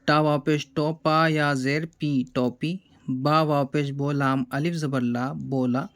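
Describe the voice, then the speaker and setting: A man from India teaching reading, spelling words out letter by letter in a slow, deliberate way. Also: a little high, little pitch movement, fairly bright tone, clean tone.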